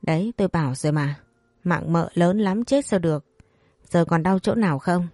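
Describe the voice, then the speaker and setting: A cold, deadpan young master of a wealthy house, teasing and scolding his wife in a flat, dry way, as a woman reads him. The voice sits low and mellow. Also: moderate pace, no echo.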